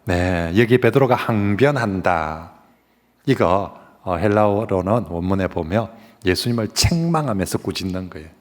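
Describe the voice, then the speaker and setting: A man's voice: low voice, animated, moderate pace. A male senior pastor preaching a Sunday sermon, telling the story vividly and putting questions to the congregation. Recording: long reverb of a church sanctuary.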